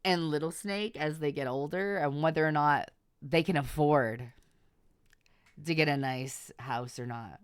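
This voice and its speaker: Her voice sits low, clean and a little slow as this middle-aged VTuber chats casually on her livestream. She's emphatic and animated, swearing freely throughout, and the recording is dry.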